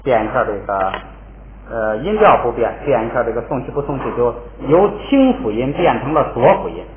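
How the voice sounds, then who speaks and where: A man's voice: medium pitch, very animated, brisk. A male language teacher giving a recorded spelling lesson, patiently repeating syllables for students to read along. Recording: tinny, echoey, lo-fi recording with faint hiss.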